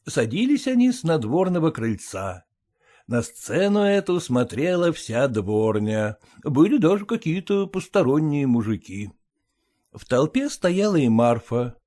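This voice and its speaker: A man's voice: on the high side, warm tone. Man narrating an audiobook expressively.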